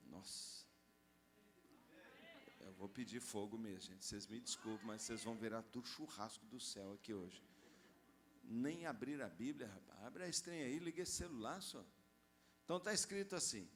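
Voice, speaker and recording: A man preaching a storytelling sermon, animated and conversational, joking with the congregation. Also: mid-range voice, measured pace, long pauses, slight background noise. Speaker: pastor.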